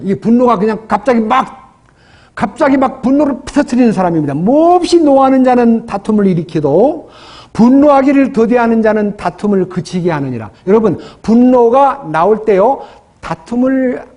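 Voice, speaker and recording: A man delivers a sermon in a church, questioning his listeners and dropping into acted prayers. His voice sits high for a man and carries a husky, breathy edge. He speaks as a pastor addressing his congregation. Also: sing-song, normal speed, dark tone.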